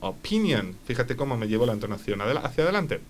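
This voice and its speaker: A man's voice: medium pitch, animated, rapid-fire. A man teaching English on the radio, patiently repeating phrases for a learner. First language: Spanish.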